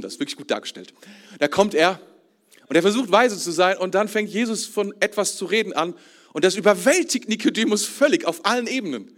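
A man's voice: sits high, fairly bright tone. A man preaching a casual sermon, enthusiastic and colloquial, often repeating words as he builds a point.

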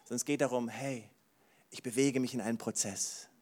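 An animated male pastor delivering a sermon in a mid-range voice. He drops to quiet, soft asides and then rises into loud, excited exclamations. He keeps breaking in with enthusiastic "wow"s. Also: mid-range voice, a little fast. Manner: says "wow" often.

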